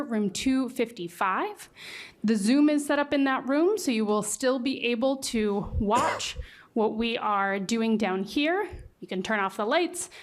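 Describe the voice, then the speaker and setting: A woman with a moderately high voice makes informal housekeeping announcements. She is hosting a public event and explains practical arrangements.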